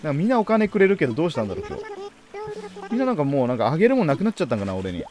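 A man's voice: a little high, huge pitch swings, very fast. A man giving casual let's play commentary, chatting playfully to the characters on screen as he plays. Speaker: game streamer.

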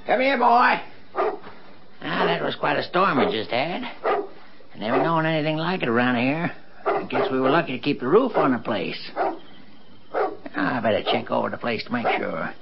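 On a dull, noisy old radio recording, a man plays an older, folksy country fellow in an old-time radio drama, a grumbling but kindly dog owner who rambles and mutters to himself. His fairly high, creaky voice swings widely in pitch at normal speed, broken by long pauses.

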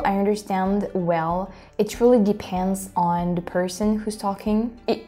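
Mellow young French woman, casual. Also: fairly low pitch. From France. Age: young adult. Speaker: reaction video host. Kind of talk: casual commentary to camera. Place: small room at home, indoors.

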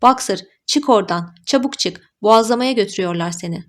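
A woman's voice: medium pitch, fast, lightly acted. Woman doing a desperate motherly old mare. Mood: anguished. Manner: crying out in anguish.

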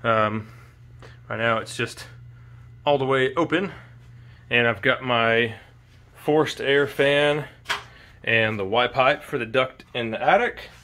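A man's voice: mid-range voice, a bit bright. A man casually narrating a home garage build project in a loose, unscripted way, with frequent ums and uhs. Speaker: DIY vlogger.

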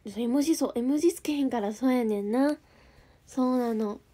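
A young woman with a Kansai accent talks casually on a livestream, her voice sitting a little higher than most. She chats freely, reading out viewer comments and answering them as she goes. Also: fairly quick, warm tone. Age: young adult. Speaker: idol group member streaming live.

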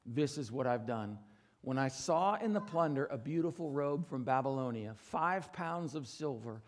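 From a church stage, a middle-aged male pastor delivers a sermon at a normal pace. His expressive voice swings from loud, emphatic declarations to quiet, low asides, and he asks the congregation to agree with him.

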